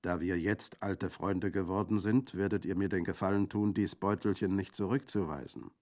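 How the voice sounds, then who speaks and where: A man's voice: deep voice, steady tone, moderate pace, darkish tone, close to an everyday voice. A man voicing an earnest, courteous young lieutenant in a radio reading.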